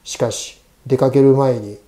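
A man's voice: medium pitch, fairly even intonation, unhurried, mellow, lightly acted. A man voicing a stern, protective temple priest with grave, old-fashioned, admonishing speech in a ghost story reading. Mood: grave concern.

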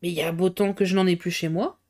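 Low soothing newspaperman, voiced by a woman, kindly and calm. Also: fast talker, lightly acted. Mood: reassuring. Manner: gentle, soothing. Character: kindly male journalist, calm and reassuring.

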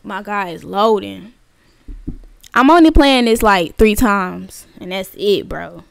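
Slow, gravelly young woman gamer. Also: medium pitch, animated, no room sound, studio quality. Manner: chatty, slangy, nervous and jumpy. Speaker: gaming YouTuber. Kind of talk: casual let's-play chat to viewers. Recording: music playing behind the voice.

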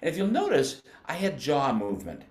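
An older man from the United States teaching band, explaining flute technique patiently and sounding out syllables slowly. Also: on the high side, huge pitch swings, reverberant. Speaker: music educator. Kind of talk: instructional demonstration.

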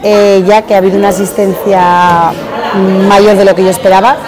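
A woman's voice: mid-range voice, flat delivery, moderate pace. Woman in her 40s at an expo, lots of ums, crowd noise all around. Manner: hesitant, many fillers. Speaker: event organizer. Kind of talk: on-camera interview. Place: busy hotel function hall at an expo. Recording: crowd chatter behind.

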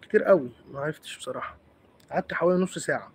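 A man's voice: a little high, rapid-fire, slight background noise. A man with an Egyptian accent hosting a live stream, chatting playfully with viewers and teasing them as he answers comments. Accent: Egyptian Arabic.

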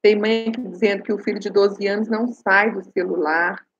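A woman's voice: medium pitch, fairly even intonation, a little fast, slightly rough, lo-fi sound. A woman with a Brazilian Portuguese accent gives parenting advice on a live stream, talks straight to viewers and often asks "né?" or "sabe?". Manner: reads out viewer comments and answers them.

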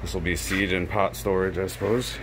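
A man casually narrating a handheld walkthrough of a campus building and its rooftop greenhouse, talking in a relaxed, offhand way as he walks. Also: low voice, moderate pace, background noise. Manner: relaxed, offhand commentary while walking. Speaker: vlogger giving a walkthrough. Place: campus grounds outdoors and building interior with greenhouse. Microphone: handheld camera.

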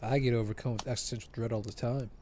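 A man with a mid-pitched voice bantering as he plays a video game. He talks in a joking, mock-philosophical way, with faint gunfire behind him. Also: fairly even intonation, quick pace, darkish tone. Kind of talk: casual gaming banter. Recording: gunfire noise behind voice chat.

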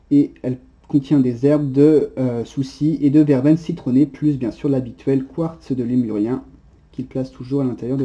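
A man giving a casual unboxing narration in an unhurried, chatty way, often pausing on little "hop" sounds and hesitations. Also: mid-range voice, lo-fi sound. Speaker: unboxing presenter.

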